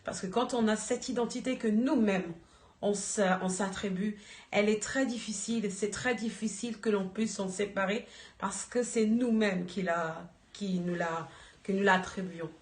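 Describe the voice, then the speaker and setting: A woman giving an earnest church exhortation, slow and searching for words. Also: medium pitch, fairly even intonation. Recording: echoey room.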